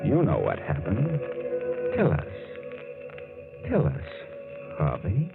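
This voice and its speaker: A man's voice: medium pitch, huge pitch swings, slow pace, creaky, exaggerated voice. An American actor playing a sinister, mocking, all-knowing male storyteller in ominous, theatrical 1940s radio mystery narration. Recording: muffled 1940s radio broadcast, loud music.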